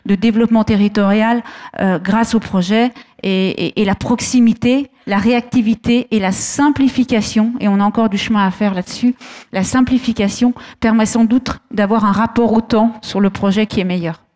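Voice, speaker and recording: A woman speaking as a bank executive on a debate panel, brisk and assured, with some restarts. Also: medium pitch, fairly even intonation, a little mellow, in a large hall. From France.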